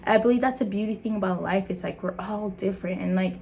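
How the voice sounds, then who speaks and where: A young woman content creator, born in Liberia and raised in the United States, speaks with an American accent in a casual motivational vlog to camera. She's earnest and animated, talking fast in a gravelly voice, laughing and leaping into high, excited bits. A little hiss or hum is audible.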